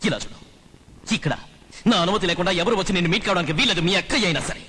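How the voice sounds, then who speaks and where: A man's voice: sits high, racing, pushed and bright, breathy edge, heavily acted. An actor dubbing a menacing male police interrogator in a film, firing threats and questions. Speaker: interrogating officer.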